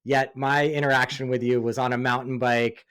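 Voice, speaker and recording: A man hosting a podcast, chatting in a relaxed, friendly and curious way with his guest. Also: mid-range voice, normal speed, smooth. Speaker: podcast host. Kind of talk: casual podcast interview and read ad.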